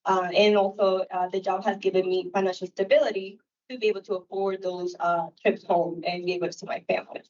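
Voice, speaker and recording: A woman's voice: mid-range voice, level tone, brisk, hardly any pauses, darkish tone. A woman from Puerto Rico with a Puerto Rican accent, whose first language is Spanish, speaking to a room as an officer, with frequent hesitant fillers. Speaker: uniformed officer at a recruitment event. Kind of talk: casual public talk. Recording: distant, muffled room recording.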